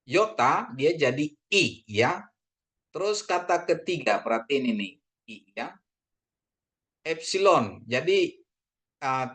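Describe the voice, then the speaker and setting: A man from Indonesia teaching a casual Greek language lesson, slowly drawing out words for learners and addressing them politely, with many fillers. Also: mid-range voice. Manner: drawn-out repetition of words, frequent fillers; addresses listeners as ladies and gentlemen.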